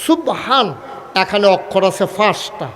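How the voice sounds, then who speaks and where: A man preaching a waz sermon in colloquial speech, firing questions at the crowd for answers and rising to shouts and chanted lines. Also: high-pitched, measured pace. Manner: calls questions to the crowd for replies; lively, rises to shouts, chants some lines. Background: crowd at an open gathering.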